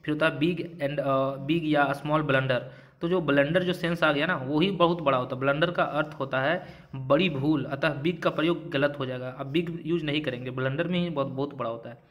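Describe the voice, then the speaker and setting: A man's voice: a little high, fairly even intonation, fairly quick, a bit bright. A man teaching an exam-prep grammar lesson, explaining rules step by step, asking and answering his own questions and mixing in English example sentences.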